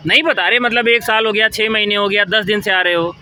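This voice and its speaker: A woman's voice: medium pitch, brisk, bright, forceful tone. A woman volunteer chatting cheerfully with small children outdoors in a park, coaxing and praising them as she hands out books. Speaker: charity volunteer handing out books. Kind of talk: casual chat with small children.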